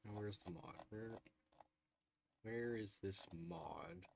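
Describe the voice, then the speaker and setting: A man with a fairly low voice streams live gameplay, heard through a headset microphone. He thinks out loud to his chat and reacts with frequent "ooh"s and small laughs. A faint hiss sits under the voice. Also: takes it slowly, gravelly.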